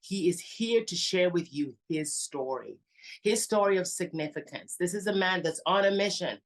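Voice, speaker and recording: A woman hosts an interview show, greeting her guest and asking about his life. She calls him honey and hon again and again, in a somewhat low voice for a woman. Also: normal speed. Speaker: show host. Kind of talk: interview hosting.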